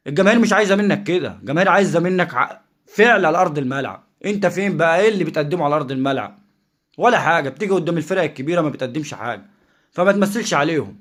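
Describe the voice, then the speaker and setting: An Egyptian man rants at breakneck speed in a solo video, hammering the same rhetorical questions again and again. His voice sits a little high, and his manner stays confrontational and insistent throughout. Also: a bit bright. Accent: Egyptian Arabic. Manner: combative, rhetorical, repeats questions. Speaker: football commentator and channel host. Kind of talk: heated solo rant to camera.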